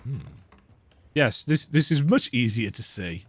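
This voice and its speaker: This gaming video host, a man with a slight cold, speaks at medium pitch in a slightly rough, expressive voice, a little slowly. Sitting in a dark room at home with the lights off, he gives chatty, self-deprecating let's-play commentary on a horror game.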